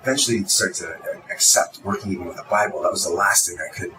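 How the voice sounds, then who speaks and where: A man's voice: deep voice, distant mic, noisy background. A man with a Glasgow Scottish accent, a guest author talking in a rambling, casual conversation. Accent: Glaswegian Scottish. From Scotland. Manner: fast, rambling, repeats his words.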